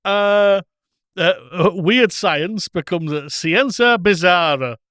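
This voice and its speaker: A man co-hosting a chatty podcast, rambling along with frequent chuckles and ums. His voice sits a bit high for a man, and the sound is dry and close. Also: expressive, takes it slowly, fairly bright tone, clear, resonant tone, no room sound. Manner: chuckling, rambling, many fillers. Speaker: podcast co-host. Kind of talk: casual chat.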